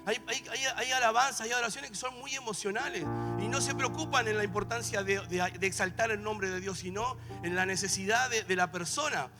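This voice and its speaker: A middle-aged Argentine man preaches in a live church service, his voice set unusually high. He speaks with a Rioplatense accent and moves between hushed storytelling and loud exhortation. Worship music plays steadily beneath him. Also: brisk, hardly any pauses. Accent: Rioplatense Spanish. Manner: swings from soft storytelling to shouted exhortation. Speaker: pastor. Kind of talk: sermon.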